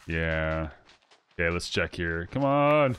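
A man's voice: sits low, lively intonation, takes it slowly, fairly bright tone, smooth. A man hosting a casual co-op game session, playful and mock-grumpy, laughing as he plays. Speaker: gaming channel host. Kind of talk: casual co-op gameplay chat.

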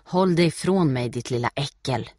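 A man's voice: medium pitch, fairly even intonation, a little mellow, no echo, studio quality, close to an everyday voice. A man reading aloud, voicing a sneering freckled boy who spits contemptuous insults. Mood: hateful.

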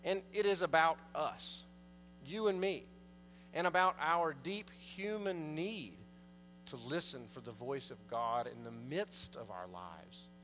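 Bright-voiced priest preaching in a reverberant church. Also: male voice, a little high, takes it slowly, soft background music. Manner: conversational preaching, asks the congregation questions. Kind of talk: sermon. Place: large church, indoors. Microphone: pulpit mic, far camera. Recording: long church reverb, faint mains hum.

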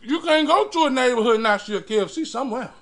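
A man, giving an emphatic, preacher-like motivational talk with dramatic pauses while chewing food. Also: very high-pitched, expressive, a bit bright. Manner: chewing and eating while talking. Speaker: mukbang eating-show host. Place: small indoor room.

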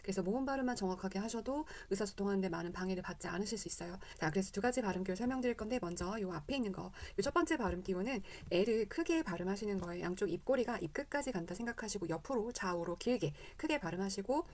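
Woman, from South Korea, fast-paced, mid-pitched voice, casual English pronunciation lesson, drill-style repetition. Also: expressive, darkish tone. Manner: demonstrates English vowels with repeated drills.

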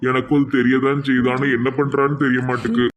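A man's voice: mid-range voice, little pitch movement, fast, a little hiss or hum, natural voice. A man playing a grieving, stern middle-aged widowed father with a Tirunelveli Tamil accent, speaking earnestly. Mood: sad.

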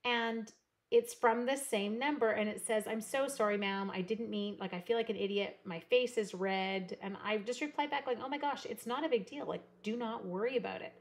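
Seated at a desk in her craft room, a woman from Canada runs a chatty live card-making demo, cutting as she rambles animatedly and reads viewers' comments aloud. She speaks at a moderate pace with a fairly high pitch.

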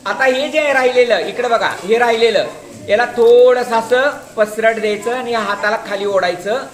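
A man's voice: very high-pitched, normal speed. A male school teacher patiently demonstrating a craft to his class, repeating each step and calling the pupils to watch. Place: echoey classroom. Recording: roomy classroom echo.

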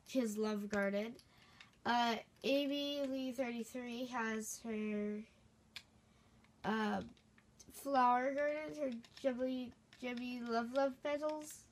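A woman casually chatting as she hosts her own gameplay video, rambling and playful. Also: fairly high pitch. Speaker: gaming video host.

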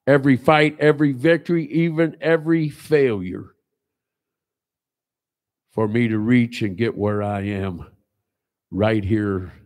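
A pastor in his sixties preaching a sermon in a small church, stressing repeated phrases and swinging between loud and low. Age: 60s. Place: small church sanctuary, indoors.

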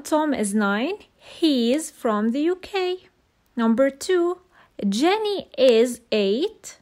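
Woman teacher, high voice, slow and patient, walks kids through a slide lesson. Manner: slow, patient, repeats words for young learners. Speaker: English teacher. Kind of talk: recorded slide lesson for children. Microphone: voice-over on slides.

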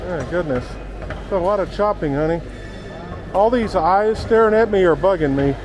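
A man's voice: sits high, animated, normal speed, slight background noise, rough recording. A man giving casual walking-tour commentary in a market, exclaiming and marveling aloud. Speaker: travel vlogger. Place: indoor market hall.

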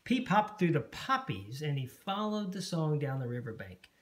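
A parent reading a picture book aloud at bedtime, slow and expressive. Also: medium pitch, a little hiss or hum.

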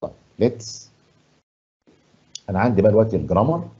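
A man with an Egyptian Arabic accent teaching an English lesson. He asks the class questions and answers them himself, and he stresses English words slowly and loudly. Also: lowish voice, big pitch swings, breathy edge, dull audio. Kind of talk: classroom lesson explaining grammar and pronunciation. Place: studio.

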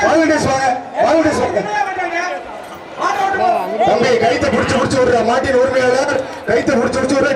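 A man with a Tamil Nadu accent announcing through a loudspeaker, repeating exclamations and barking commands at handlers and the crowd. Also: very high-pitched. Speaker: announcer at a bull-taming event. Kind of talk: live shouted commentary. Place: outdoor arena. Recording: echoey open-air arena, heard from far off, loud crowd and noise.

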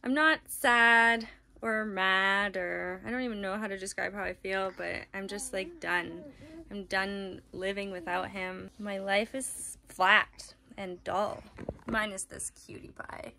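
This is a mother in her thirties who vlogs, chatting to a handheld camera about chores in a light, self-mocking way. Her medium-pitched voice is steady, slow, bright and forceful. The device sits at arm's length, and background noise is clearly audible.

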